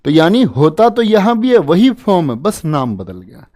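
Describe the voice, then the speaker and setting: A man's voice: fairly high pitch, sing-song, normal speed, darkish tone. A man teaching an exam-prep lesson in a casual, playful way, coaxing students along with jokey memory tricks. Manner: chatty, addresses listeners as "bhai".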